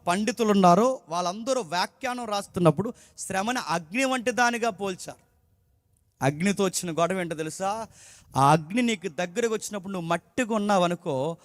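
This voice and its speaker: A man's voice: high voice, dry recording, long reverb tail. A man preaching a sermon emphatically, often putting questions to the congregation. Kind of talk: Telugu sermon.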